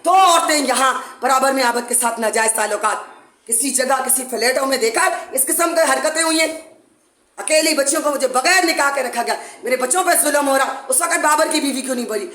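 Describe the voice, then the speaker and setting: Woman, high voice, urgent accusing appeal, echoey room at home. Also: brisk, a bit bright. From Pakistan. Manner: urgent, accusing, repetitive pleading. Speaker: mother making a public appeal. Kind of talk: impassioned complaint to camera. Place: her home, indoors.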